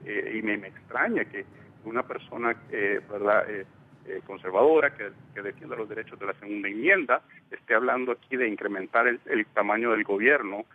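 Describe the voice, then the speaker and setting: A man's voice: on the low side, fairly quick. A man from El Salvador, a panel guest on a live news debate, speaking hesitantly with many fillers and restarts over a phone line. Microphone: telephone. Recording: tinny phone line, faint hiss.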